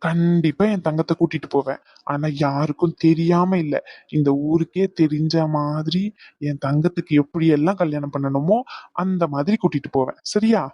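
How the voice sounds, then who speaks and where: A teasing, doting young man, played by a woman in a homemade audio drama romance. The voice sits lower than her usual, coaxing and playful, close and dry. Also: steady tone, moderate pace, dark tone, dry recording, lo-fi sound. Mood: affectionate teasing.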